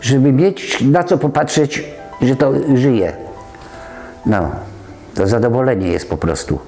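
A man's voice: medium pitch, a little slow, mellow, soft background music. Older man, chatty and rambling. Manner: rambling, chatty, trailing off and restarting. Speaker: interviewee. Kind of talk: casual conversation. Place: community center, walking around.

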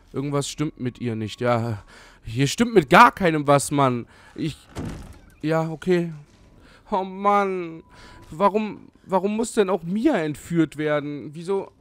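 A man's voice: a little high, slight background noise. A young man commenting on a horror game as he plays, scared and jumpy, swearing and talking to the game. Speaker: let's play gamer.

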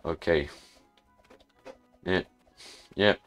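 A man talks through a video game in a very low voice. He takes his time, hesitating and trailing off as he thinks aloud. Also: drawn-out words, smooth, lo-fi sound, soft background music. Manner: hesitant, muttering to himself with restarts. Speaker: gaming YouTuber. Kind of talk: casual gameplay commentary.

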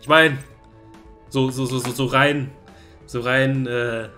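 A young man hosting a gaming video, giving excitable, exasperated commentary and repeating his phrases over and over. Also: mid-range voice, slow pace. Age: young adult. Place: indoor gaming room on camera. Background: game music.

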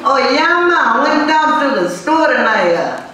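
A man doing a put-on Jamaican accent as a laid-back islander, in a sing-song, drawn-out way. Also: very high-pitched, sing-song, pitched above the performer's own voice, heavily acted. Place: talent show stage. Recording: echoey hall, distant mic, crowd noise.

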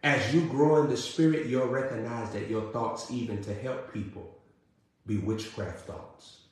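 A man preaching a sermon, building through emphatic repeated questions and then dropping to a low, intimate tone. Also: measured pace. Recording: very echoey room.

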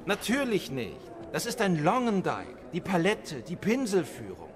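Haughty male noble snob, fantasy game: highish, extremely animated, pompous, crowd chatter behind. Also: unhurried, heavily acted. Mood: disdainful. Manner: pompous, disdainful.

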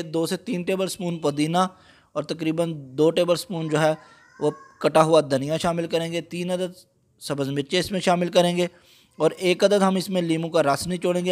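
A man calmly explaining a recipe step by step, patient, with frequent small fillers. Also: on the high side. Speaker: cooking channel host. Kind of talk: step-by-step cooking instruction.

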